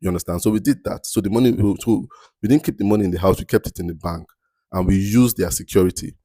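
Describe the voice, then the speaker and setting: A podcast host delivers a motivational monologue in a very low, mellow male voice, repeating key phrases, asking "you understand?" and slowing down to stress his points with drawn-out emphasis. The sound is dry and close, with no room sound at all.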